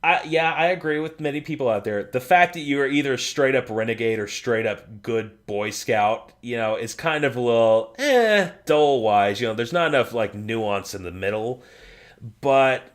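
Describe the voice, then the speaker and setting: Animated male gaming podcast host. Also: mid-range voice, normal speed. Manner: excitable, swears a lot, laughs often. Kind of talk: casual gaming podcast chat.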